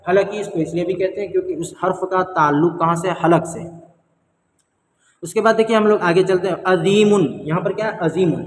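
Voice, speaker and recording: A man teaching the rules of Quran reading, explaining step by step, asking and answering his own questions, and chanting the verses slowly. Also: fairly high pitch, roomy sound, big-room sound, a little hiss or hum.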